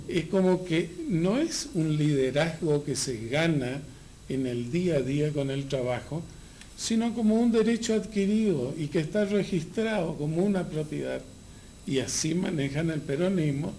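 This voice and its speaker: An Argentine man interviews a guest on a political talk show. He talks very slowly and weighs each point with emphasis. A faint hiss of noise sits under his voice. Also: on the high side, a little mellow. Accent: Argentine Spanish. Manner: slow, measured, emphatic. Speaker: interviewer host.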